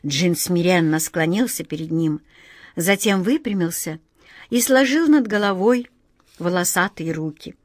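A woman narrating a children's storybook in a calm, expressive reading. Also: lowish voice, a little slow, dry recording, clean studio sound.

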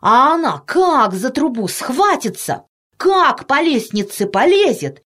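A woman voicing an excited, chattering little red-haired boy in a storybook reading. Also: high-pitched, slow pace, voice pushed up, full character voice.

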